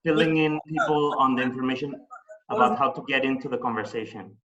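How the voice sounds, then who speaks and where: A man's voice: medium pitch, fast talker, sharp tone. Hesitant man over dull echoey call. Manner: hesitant, restarting. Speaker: writer guest. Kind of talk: casual video call chat.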